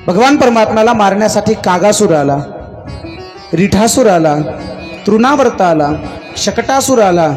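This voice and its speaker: A man's voice: sits high, a little mellow. A man preaching a devotional sermon, telling the story in rhythmic lists and coaxing the crowd with questions. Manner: folksy, coaxing the audience to answer. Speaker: kirtan preacher. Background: music.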